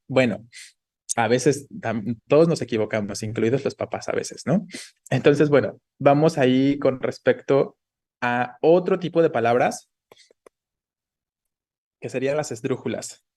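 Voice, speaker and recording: A man's voice: medium pitch, a little slow, pauses often, darkish tone. Patient male teacher. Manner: patient, checks in often with tag questions. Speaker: Spanish teacher. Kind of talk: online class explanation.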